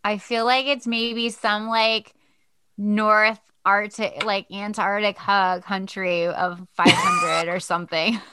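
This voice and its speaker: Chatty bright-voiced woman co-host. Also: mid-range voice, wildly swooping pitch, takes it slowly, clean tone. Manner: chatty, lots of "like", playful guessing. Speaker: podcast co-host. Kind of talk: casual chat.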